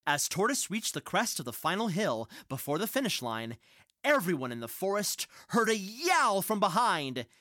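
Animated male storyteller for children. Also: sits high, moderate pace, dry recording, clean studio sound. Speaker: storyteller host.

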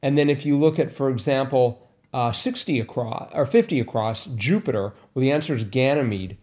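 Brief: mellow-voiced male co-host, hesitant, self-correcting, casual puzzle chat. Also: mid-range voice, animated, a little fast. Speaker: podcast co-host.

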